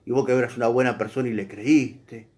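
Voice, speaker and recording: A man imitating a male preacher who talks in a soft, slow, lulling soap-opera voice. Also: mid-range voice, steady tone, breathy edge, voice pushed down, close to an everyday voice. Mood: syrupy.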